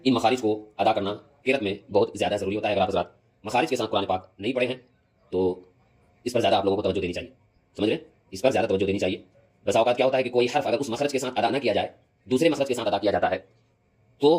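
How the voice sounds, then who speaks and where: A man's voice: mid-range voice, low-quality recording. Patient male teacher checking for understanding. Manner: explains slowly, repeats points, keeps asking if understood; recites verses slowly to demonstrate pronunciation. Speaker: religious teacher. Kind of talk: prayer recitation lesson.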